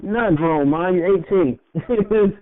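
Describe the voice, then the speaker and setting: A young man with a high voice rambles through a casual podcast chat, swearing freely and breaking into laughs between thoughts. The audio is thin and tinny, like a phone line. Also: slow, slight background noise. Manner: rambling, profane, laughs often. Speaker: podcast co-host.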